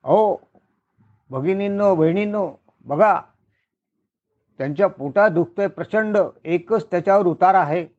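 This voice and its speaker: A man's voice: high voice, measured pace, long pauses, dull audio. A man voicing a mischievous old male sage who asks coaxing, teasing questions.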